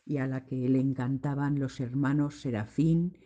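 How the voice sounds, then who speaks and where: A woman teaching a body-expression class, guiding her students step by step through an acted scene in a deliberate, instructive way. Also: extremely low pitch, steady tone, dark tone. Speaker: drama teacher.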